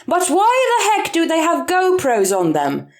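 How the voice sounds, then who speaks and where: A young woman with a high voice chats as a podcast co-host from an echoey room. Her delivery is very lively, swinging widely in pitch, with a playful, exclamatory streak. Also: a little slow. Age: young adult. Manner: excitable, jokey, exclamatory. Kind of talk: casual chat. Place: echoey room in a newly moved-into home.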